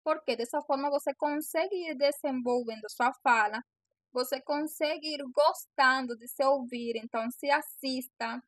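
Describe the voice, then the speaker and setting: A young Venezuelan woman, a native Spanish speaker with a Venezuelan accent, is a bow-maker coaching sellers directly to camera in an earnest, encouraging way, repeating phrases. Her voice is high-pitched and fairly bright, at normal speed, in a dry recording.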